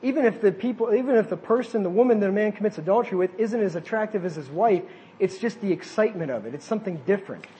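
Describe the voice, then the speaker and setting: A man's voice: sits high, expressive, fast, mellow. A man preaching a sermon, reading quotes aloud and breaking off to add casual asides.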